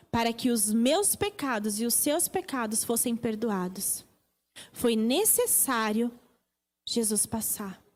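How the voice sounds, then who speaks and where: Uma mulher com sotaque brasileiro prega num culto de igreja, enfática e repetindo frases para dar ênfase. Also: female voice, on the high side, darkish tone. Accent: Brazilian Portuguese. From Brazil. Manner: emphatic, repeating phrases for stress. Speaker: preacher. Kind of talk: sermon. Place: church service.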